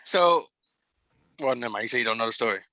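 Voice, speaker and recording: A man co-hosting a casual podcast chat, halting and searching for words. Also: mid-range voice, lively intonation, pushed and bright, no room sound, low-quality recording. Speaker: podcast co-host.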